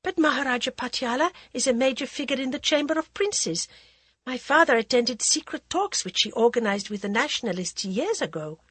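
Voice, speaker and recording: A woman reading aloud gives voice to an earnest young princess, polite and composed. Her tone sits slightly raised with a husky grain, recorded close and dry. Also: sits high, animated, a little fast, a bit bright, no echo, pitched above the performer's own voice, full character voice.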